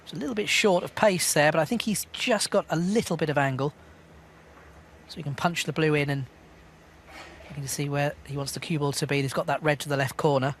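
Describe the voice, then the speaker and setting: Hushed, higher-pitched male snooker commentator. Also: slight background noise. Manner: measured, understated.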